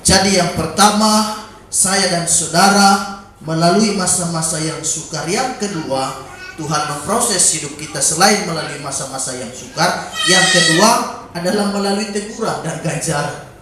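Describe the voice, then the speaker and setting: A man preaching a sermon in a church, breaking into sudden shouted calls and exclamations. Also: high-pitched, measured pace, noisy background. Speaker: pastor. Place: church during a Wednesday evening service. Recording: very echoey church hall.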